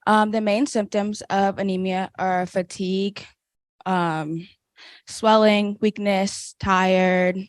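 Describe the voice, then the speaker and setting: A teenage girl from Georgia reads her part of a student presentation. She goes through lists plainly at a middle pitch. The sound is dry and close. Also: clear, resonant tone, no room sound. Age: teens. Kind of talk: group presentation.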